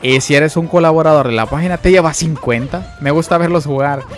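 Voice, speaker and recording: A young man with a Mexican Spanish accent talks through a live game stream, his voice sitting a touch high. He chats easily, greets his viewers and breaks into excitable exclamations. Game music plays faintly behind him. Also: brisk. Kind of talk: live gameplay commentary.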